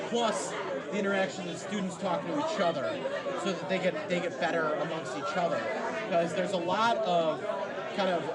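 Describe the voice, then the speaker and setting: A man with a tinny voice explaining things casually and haltingly as a panelist. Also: sits high. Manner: halting, searching for words. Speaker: panelist and event organiser. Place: large room at live conference. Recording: distant mic in loud crowded hall. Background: loud crowd chatter.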